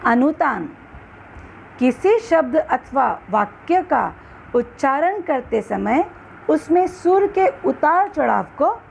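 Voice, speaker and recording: A woman reading a scripted grammar lesson, slowly and carefully, stressing each example word. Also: high-pitched, sing-song, vocal fry, darkish tone, a little hiss or hum. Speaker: teacher.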